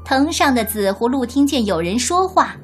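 A woman narrating a children's story in an expressive, deliberate way. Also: fairly high pitch, soft background music.

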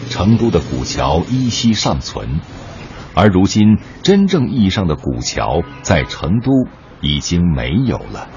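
A man narrates a television documentary in a deep, low voice, his pitch rising and falling expressively. His delivery is measured and storytelling. The audio is slightly dull, with soft music behind him. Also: a little hiss or hum. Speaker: news narrator.

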